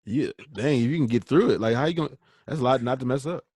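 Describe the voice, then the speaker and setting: A man's voice: medium pitch, fast, darkish tone, breathy edge, no room sound. A man co-hosting a podcast, chatting casually and laughing while he tries tongue twisters. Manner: easygoing, explaining, laughing. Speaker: podcast host.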